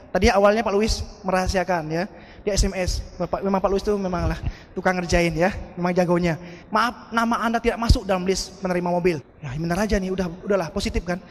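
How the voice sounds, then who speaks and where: A man giving a motivational seminar talk in an animated style, often turning to the audience with questions. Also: high-pitched. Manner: animated, addresses the audience as "Pak" and asks "betul nggak?". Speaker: motivational speaker. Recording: long hall reverb.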